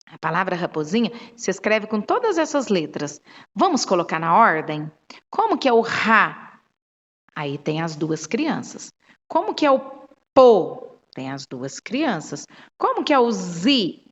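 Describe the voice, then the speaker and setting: A woman's voice: mid-range voice, muffled recording. A woman with a Brazilian Portuguese accent explaining literacy stages to teachers, patiently sounding out words syllable by syllable. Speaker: teacher trainer. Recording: long reverb.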